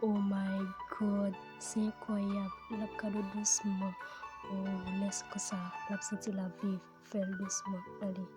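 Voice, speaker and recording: A woman with a Haitian Creole accent talks softly and slowly, her voice breathy and sometimes dropping to a whisper. Her pitch stays narrow and even. Music plays clearly behind her. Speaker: relationship advice video host. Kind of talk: soft intimate advice talk.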